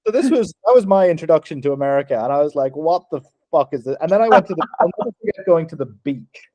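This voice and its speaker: An Irish man co-hosting a podcast, telling animated stories, acting out quotes and swearing freely. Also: fairly high pitch, very fast, no room sound. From Ireland. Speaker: podcast co-host. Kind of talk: casual storytelling chat.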